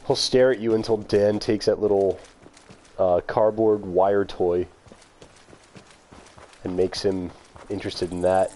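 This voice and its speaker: Faint music plays behind a man who is streaming a video game, chatting casually with his viewers by name and laughing frequently as he comments. He speaks slowly with long pauses, in a steady, warm voice on the low side.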